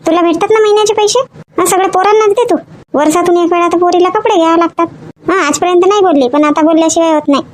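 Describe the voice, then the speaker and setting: A woman acting in a comedy sketch, complaining and nagging in rapid chatter. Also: very high-pitched. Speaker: comic actor.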